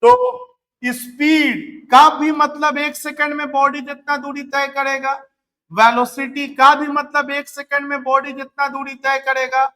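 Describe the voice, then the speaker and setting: This physics teacher speaks in a very high, sharp voice at an unhurried pace. During the classroom lecture he poses questions to students, supplies the answers himself, repeats important numbers, and throws in encouraging remarks.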